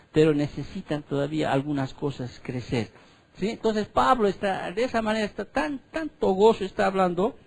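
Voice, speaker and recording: A male pastor preaching a sermon, reading scripture slowly and loudly, then paraphrasing in quick, quiet asides full of tag questions to the congregation. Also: high-pitched. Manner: keeps checking in with the congregation with short tag questions. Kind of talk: sermon, Bible exposition.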